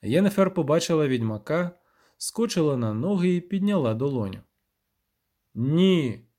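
A man narrating a fantasy audiobook in a measured, steady way. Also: fairly high pitch.

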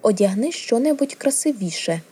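A woman's voice: on the high side, expressive, moderate pace, dark tone, husky. A woman reading a storybook, voicing a prim, proper young noble girl who speaks with a primly indignant tone.

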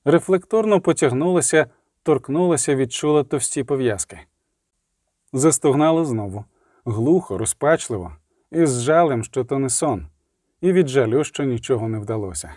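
A man narrating a fantasy audiobook in a measured, dramatic way. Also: medium pitch, expressive, darkish tone, no echo, clean studio sound.

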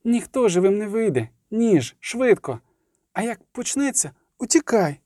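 A man's voice: high voice, big pitch swings, a little slow, mellow, no room sound, pitched above the performer's own voice. A man reading aloud and voicing a tense young girl who whispers in a trembling voice.

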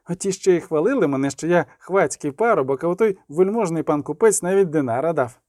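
Man playing a high, fawning young peasant lad, rustic and rambling, audiobook figure. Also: lively intonation, brisk, a little mellow, dry recording, studio quality, lightly acted. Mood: eager. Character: servile eager young male peasant lad.

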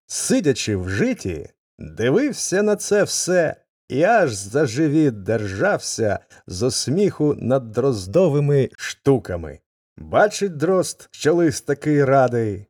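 A man narrating a folk tale aloud with expressive, dramatic intonation. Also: medium pitch, no room sound, clean studio sound. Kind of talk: storybook reading.

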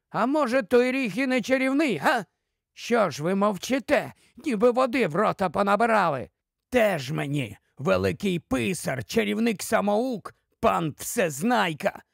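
A man voicing a bitter, angry male dwarf who shouts and sneers, in an audiobook. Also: high-pitched, gravelly, dry recording, clean studio sound, pitched above the performer's own voice, full character voice.

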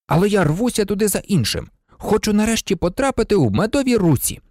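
An audiobook reader voicing an excitable, blunt teenage boy who blurts out his ideas eagerly. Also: medium pitch, brisk, no room sound, clean studio sound, pitched above the performer's own voice. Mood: dreamy. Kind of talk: audiobook character reading.

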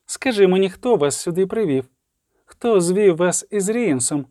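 A man voicing a gentle woman sorceress who coaxes a dying man in a soft, soothing voice in an audiobook. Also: high voice, animated, unhurried, dry recording, studio quality, voice pushed up.

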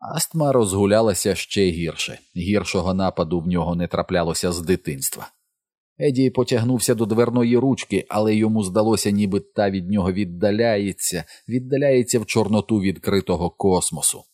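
A man narrating an audiobook in a measured literary reading. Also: fairly low pitch, a little mellow, no echo, studio quality.

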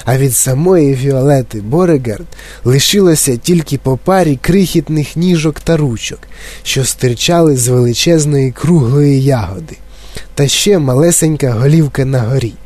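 A man narrating a children's story as an audiobook in a lively, expressive way. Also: mid-range voice, moderate pace.

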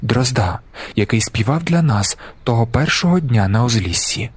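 A man reading an audiobook voices a weary middle-aged man in a low, hushed tone. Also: expressive, normal speed, breathy edge, no room sound.

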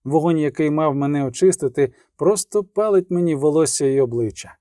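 A man voicing a weary, curt witcher swordsman who speaks tersely in a low, subdued voice. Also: fairly quick, dark tone, dry recording, studio quality, lightly acted. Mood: bitter.

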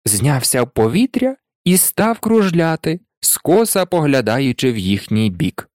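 An animated audiobook narrator tells a fantasy story with a lively, swinging pitch. The voice sits in a middle register. The recording is close and dry, with no room sound. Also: unhurried, dry recording. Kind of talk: scripted narration.

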